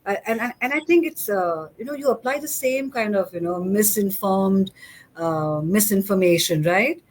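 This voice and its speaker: A woman's voice: mid-range voice, normal speed, a little hiss or hum. A middle-aged woman hosting a casual interview chat, talking in a chatty way with many fillers and restarts. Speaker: host.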